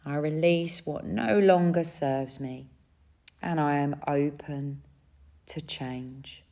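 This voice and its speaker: A yoga nidra teacher, a woman with a low voice, leads a guided relaxation, speaking gently and soothingly in short phrases separated by pauses.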